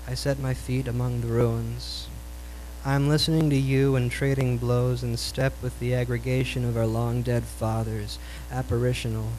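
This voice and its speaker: A man performing his own poems at a live reading in a cool, measured Beat style, like a beatnik poet. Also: medium pitch, darkish tone. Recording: noisy live recording with hum.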